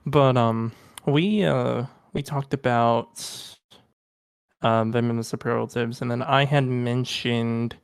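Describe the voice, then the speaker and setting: A young man co-hosting a podcast chats casually and enthusiastically about music, with lots of ums and restarts, in a casual music review. His voice is mid-range and creaky. The recording is dry and studio quality.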